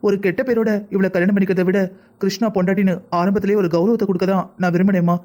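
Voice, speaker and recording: A young groom explains himself to his mother, voiced by a man. He speaks earnestly in a high voice, steady and sincere. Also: racing, natural voice. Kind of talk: cartoon family drama acting.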